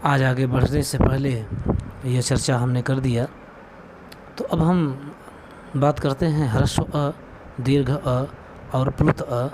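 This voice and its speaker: A man's voice: mid-range voice, fairly even intonation, takes it slowly, long pauses. A man giving a spoken video lesson on Sanskrit, explaining patiently step by step and counting aloud. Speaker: Sanskrit teacher. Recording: clear background noise with clicks.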